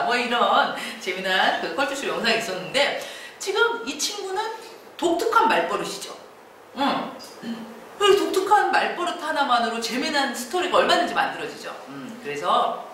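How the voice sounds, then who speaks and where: A woman giving a lively creative-writing lecture, acting out quoted lines and laughing often. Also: on the high side. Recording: echoey room from far off, faint noise.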